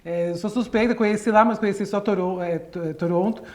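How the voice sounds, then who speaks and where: Brazilian woman, podcast host, chatty, laughs along, mid-pitched voice. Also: brisk, darkish tone. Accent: Brazilian Portuguese. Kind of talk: casual chat.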